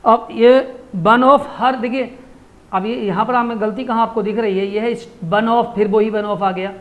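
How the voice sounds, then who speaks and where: High-voiced man teaching grammar. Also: steady tone, unhurried, fairly bright tone. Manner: translates phrase by phrase, quizzes with rhetorical questions. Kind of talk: exam-prep grammar lesson.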